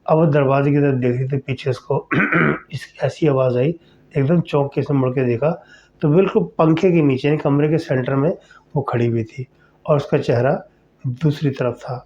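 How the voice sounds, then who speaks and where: A man's voice: mid-range voice, fairly even intonation, a little mellow. A man hosting a podcast, telling a horror story in a chatty, conversational way and speaking directly to the listener. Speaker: storyteller host. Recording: slightly dull lo-fi recording.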